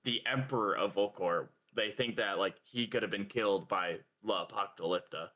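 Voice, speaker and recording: A young man with a bright, forceful voice co-hosts a casual podcast. He rambles along, padding his talk with fillers and breaking into laughter now and then. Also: lowish voice, normal speed. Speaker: podcast co-host. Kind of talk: casual chat.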